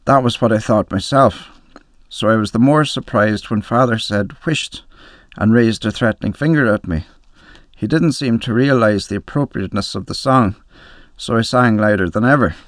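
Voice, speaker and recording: A man reading a short story aloud, narrating with measured, expressive first-person storytelling. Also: on the low side, no echo, studio quality. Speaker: reader.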